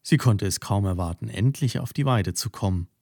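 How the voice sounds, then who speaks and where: A man narrating a children's story in an expressive storytelling way. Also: lowish voice, normal speed, gravelly, no echo, studio quality.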